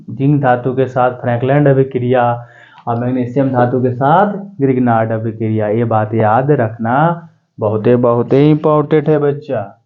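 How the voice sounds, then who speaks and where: A man lectures on chemistry in a calm, reassuring manner. He stretches out each formula part slowly, then moves on briskly. His mid-pitched voice comes through a thin, phone-like recording. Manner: reassuring, calls students "bachcha", drawls formulas slowly. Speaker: chemistry teacher. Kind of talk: classroom lecture. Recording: tinny phone-like sound.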